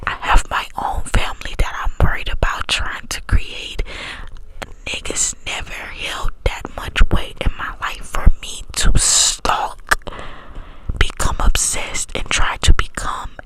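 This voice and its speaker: A young woman from Texas whispering an ASMR storytime through cupped hands close to the mic, sometimes repeating phrases over and over. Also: low-quality recording. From small town in Texas, United States. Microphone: close ASMR mic, hands cupped around it.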